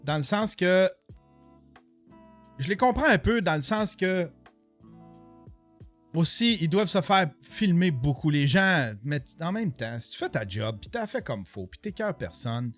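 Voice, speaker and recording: A fairly high-voiced man with a Québécois accent talks loosely through a live stream, halting on fillers and starting over as he reads from the screen. Faint music plays under his voice the whole time. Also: very animated, fairly bright tone. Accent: Québécois French. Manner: chatty, thinks aloud with many fillers and restarts. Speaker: streamer reacting to videos and chat. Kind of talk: casual live-stream commentary.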